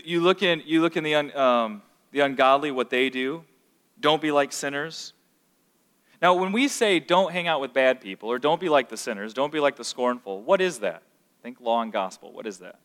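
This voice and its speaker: Teaching scripture to a group, this pastor is animated, quizzing his listeners and growing louder and higher whenever he gets emphatic. The hall adds a long, lingering reverb.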